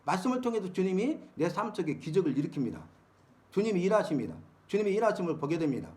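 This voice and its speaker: A man's voice: high voice, big pitch swings, fast talker, a little mellow. A middle-aged man preaching a sermon-style Bible lesson, asking the congregation rhetorical questions. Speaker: pastor.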